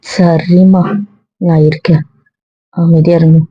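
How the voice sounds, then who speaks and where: A woman acting as a young wife who gently soothes and coaxes her anxious husband, in an amateur serial drama. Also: on the low side, flat delivery, slow, breathy edge, no room sound. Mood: soothing. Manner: soothing, coaxing. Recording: dull, dry lo-fi recording.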